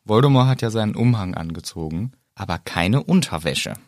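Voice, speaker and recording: A man's voice: lowish voice, animated, a little fast, a little mellow, no room sound, clean studio sound. Chatty man who laughs easily. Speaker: podcast co-host. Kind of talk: casual book discussion podcast.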